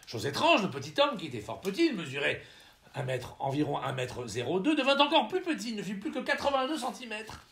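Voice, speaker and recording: A man narrating a novel as an audiobook reader, telling the story in an expressive, ironic manner. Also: high-pitched, a little fast, creaky.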